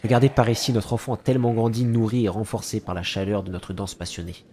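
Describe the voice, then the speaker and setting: A man's voice: on the low side, flat delivery, quick pace, mellow, slight background noise, close to an everyday voice. Grimm, a man reading as a grandiose troupe master. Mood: theatrical. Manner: grandiose, theatrical reading of game dialogue. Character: suave theatrical insect troupe master.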